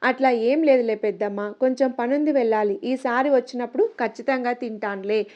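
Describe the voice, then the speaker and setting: A woman's voice: a little high, brisk, lightly acted. A woman voicing a polite, friendly young village man in a storybook reading, on a muffled lo-fi recording.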